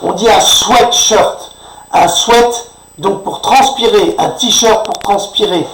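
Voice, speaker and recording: Man, higher-pitched voice, indignant sarcastic rant, echoey distant recording. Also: slow pace, a bit bright. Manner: indignant, sarcastic, frequent tag "hein". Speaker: commentator. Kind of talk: political rant monologue. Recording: echoey room, voice far from mic.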